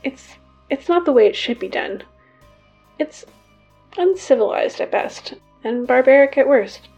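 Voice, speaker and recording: An actress playing a composed high school student who makes a formal, solemn address over the school intercom. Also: female voice, expressive, measured pace, a little mellow, husky, faint music behind, exaggerated voice, rough recording. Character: composed young woman high school student making announcements. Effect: speaking over a school intercom (PA system).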